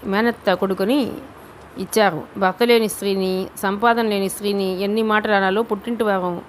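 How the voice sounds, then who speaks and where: A woman narrating a novel as an audiobook, reading in a steady, deliberate way. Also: mid-range voice, slight background noise.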